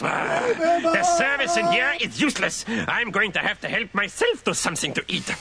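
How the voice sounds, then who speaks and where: A crazed stage magician, boasts in an extremely high, swooping voice. He is theatrical, grandiose and mischievous, a children's comedy figure over loud music. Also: lively intonation, moderate pace. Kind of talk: children's comedy cartoon acting.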